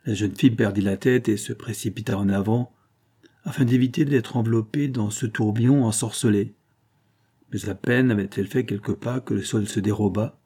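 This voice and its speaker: A man narrating a classic novel as an audiobook in a steady, measured storytelling manner. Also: lowish voice, breathy edge. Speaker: audiobook reader.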